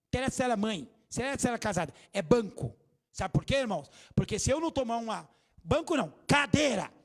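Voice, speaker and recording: A middle-aged man with a Brazilian accent preaching a sermon in a church, jokey and scolding, bursting into shouts. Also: sits high. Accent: Brazilian Portuguese. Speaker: pastor. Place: church hall.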